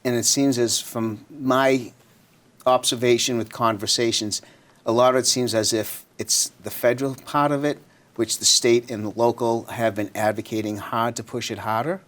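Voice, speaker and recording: A man's voice: medium pitch, fairly even intonation, normal speed, a bit bright. A man speaking as a local politician being interviewed, informal and conversational with frequent filler phrases. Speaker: city councilor running for state representative, interview guest.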